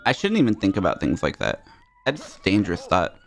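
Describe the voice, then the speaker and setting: A man's voice: deep voice, huge pitch swings, brisk, creaky, faint music behind. A young man giving casual, sarcastic, self-mocking commentary while playing a game, swearing freely. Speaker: streamer.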